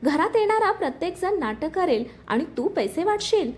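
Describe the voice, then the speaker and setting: Sharp indignant mother-in-law in a storybook, woman reading, high lively voice. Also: normal speed, a little hiss or hum. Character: stern, quick-tempered older mother-in-law.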